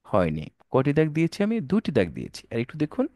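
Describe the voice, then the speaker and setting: A man's voice: a little high, wildly swooping pitch, fast, dark tone, no echo, studio quality. A man teaching an online Quran reading lesson, addressing viewers as dear brothers and sisters, mixing English words into his speech and calling out letters for them to repeat.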